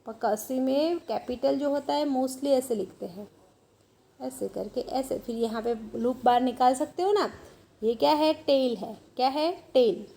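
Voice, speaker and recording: A woman teacher leads a children's cursive writing lesson, drawing out letter names and example words slowly. Her voice sits high but has a dark, gravelly edge. She speaks patiently, switching between Hindi and English.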